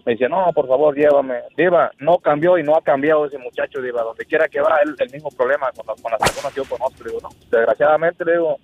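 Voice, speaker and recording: A man's voice: fairly high pitch, fast, few pauses, slight background noise. A man calling in to a radio show, rambling through a personal story and repeating himself as he tells it. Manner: rambling, repeats "le digo" and "Diva". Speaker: radio caller. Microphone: phone. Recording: tinny phone line.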